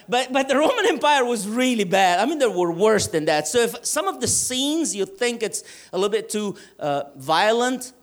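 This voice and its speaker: A man's voice: high-pitched, fairly bright tone. Man preaching a sermon. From Egypt. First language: Arabic. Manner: earnest, emphatic with slow drawn-out stresses. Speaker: pastor.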